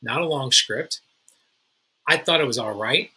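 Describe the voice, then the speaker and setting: A man's voice: medium pitch, measured pace, sharp tone, breathy edge, poor audio. A man who hosts a real estate channel, giving a casual, informal how-to talk to other agents in a chatty way, often restarting his sentences. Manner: informal, chatty, self-correcting. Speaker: realtor and channel host.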